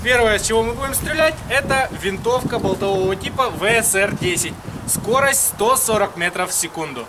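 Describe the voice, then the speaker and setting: A man's voice: sits high, lively intonation, moderate pace, background noise. A man reviewing airsoft gear outdoors in the cold, speaking through a face mask in a plain, explanatory way. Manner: matter-of-fact, explanatory. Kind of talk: product review to camera. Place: outdoors in freezing weather.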